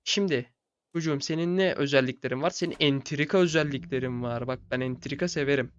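A young man giving casual, low-key commentary on a strategy game late at night, sounding tired and chatting to the game's characters like buddies. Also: fast, highs cut off, a little hiss or hum. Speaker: gaming channel host.

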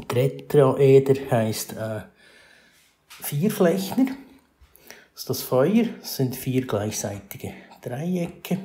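A man explains geometry in a screencast lesson. His voice is mellow and relaxed, and he talks it through with fillers and self-corrections. The recording carries a noticeable room echo. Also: medium pitch. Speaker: math teacher.

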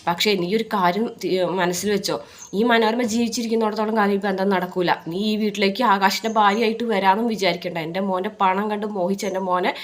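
A woman's voice: mid-range voice, fairly even intonation, quick pace, natural voice. A woman voicing a furious, domineering middle-aged mother who scolds and hurls insults. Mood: scolding.

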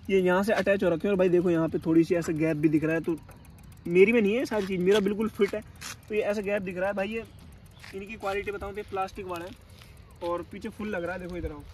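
Young male bike vlogger, high-pitched and chatty, outdoors with faint street noise behind. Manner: chatty, addresses viewers as bhai, directs cameraman. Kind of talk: casual vlog walkthrough. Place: outdoors by the roadside at dusk.

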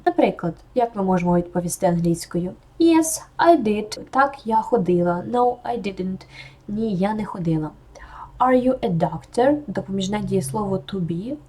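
A young woman with a mellow, warm voice explains English grammar to learners. She speaks calmly and reads her English examples slowly and clearly so the intonation can be heard. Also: mid-range voice. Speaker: English teacher.

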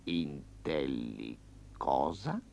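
A man voicing a smug, hungry male tiger with a slow, low, purring growl in a storybook reading. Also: very animated, vocal fry, darkish tone, full character voice. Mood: sly. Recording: slightly dull lo-fi.

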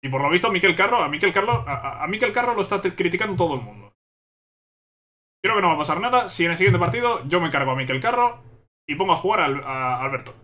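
A man's voice: high voice, expressive, quick pace, pushed and bright. Exasperated young man ranting at a game. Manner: exasperated, repeats himself, rants at the game. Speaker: gaming YouTuber. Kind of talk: live gameplay commentary.

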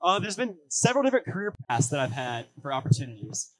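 Male, late teens, slightly high voice. Earnest student preacher reading in short phrases, dry recording. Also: sing-song, quick pace, no echo, poor audio. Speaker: student speaker at a church youth service. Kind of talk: youth sermon read from notes at a lectern. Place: church hall stage, indoors.

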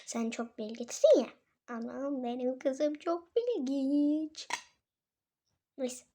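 A woman's voice: high-pitched, slow pace, warm tone. A woman voicing a flustered, scatterbrained mother who shops with her daughter during toy play, exclaiming, scolding and mocking herself. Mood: exasperated.

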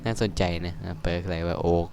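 A young man giving casual, excitable game commentary, swearing crudely and yelping at scares. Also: low-pitched, fast, gravelly, noisy background. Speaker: gaming streamer.

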